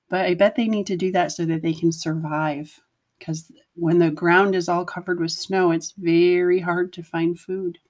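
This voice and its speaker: A woman teacher reads a picture book aloud to children in a fairly low voice. She explains things simply and asks her listeners questions.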